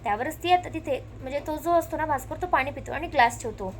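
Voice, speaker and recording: A woman narrating a recap of a television serial episode, telling the story lively and quoting the characters' lines one after another. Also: sits high, quick pace, slight background noise.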